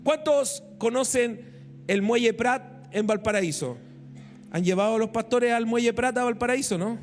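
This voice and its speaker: A man's voice: very high-pitched, normal speed, a little hiss or hum. A man preaching a sermon, telling a story and asking the congregation questions. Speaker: pastor.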